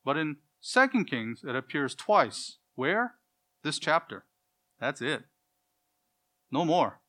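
A man preaching an expository Bible lesson, stressing key words loudly and dropping to quiet asides, with Hebrew pronunciations of names. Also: a little high, sing-song, slow pace. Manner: emphatic, swings from loud stresses to quiet asides.

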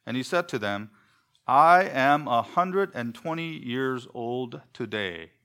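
A man whose first language is Korean, preaching an expository sermon in church with a measured, deliberate delivery and rhetorical questions. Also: mid-range voice, animated, sharp tone, smooth. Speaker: pastor. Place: church sanctuary.

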